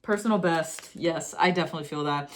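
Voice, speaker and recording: A young woman giving a casual tarot reading, excitable and gushing, often breaking into laughter. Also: low voice, fast. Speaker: tarot reader.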